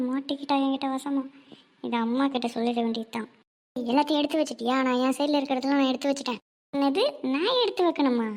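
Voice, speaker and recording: Two young cartoon sisters bicker nonstop, the older one bossy and the younger one cheeky and sing-song, both put on by one woman. Their voices sit high and girlish, full of teasing and whining. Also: darkish tone. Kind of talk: homemade cartoon voice acting.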